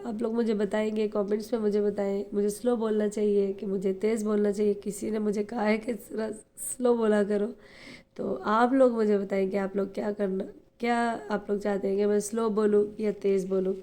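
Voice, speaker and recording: A woman from Pakistan talking quickly and chattily to her viewers in a casual vlog, her voice a little hoarse from flu, with many fillers. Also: medium pitch, little pitch movement, mellow. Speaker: vlogger.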